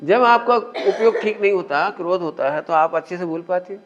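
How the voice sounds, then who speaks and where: A man's voice: sits high, normal speed. A man teaching a spiritual discourse in a conversational way, often asking his listeners questions. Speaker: religious teacher. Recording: muffled lo-fi recording.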